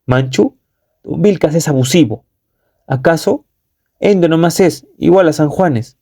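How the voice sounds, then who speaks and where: A man voicing an old village elder shouting a challenge. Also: on the high side, moderate pace, pitched above the performer's own voice, lightly acted. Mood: defiant.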